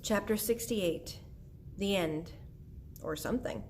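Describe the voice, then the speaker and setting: Female storybook narrator, gentle read-aloud, faint background hiss. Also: mid-range voice, slow pace. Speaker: audiobook reader.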